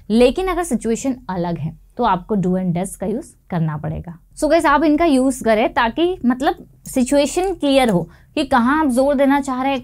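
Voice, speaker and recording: Young female teacher, a bit high-pitched, patient step-by-step explainer who drags out the examples. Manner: explains step by step and says each English example slowly. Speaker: English teacher. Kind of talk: online language lesson.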